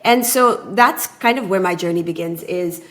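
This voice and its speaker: A woman in her thirties, raised abroad, speaking as a podcast guest and relationship coach in a thoughtful, measured way. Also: lowish voice. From born in Taiwan, raised in Japan. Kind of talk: conversational podcast interview.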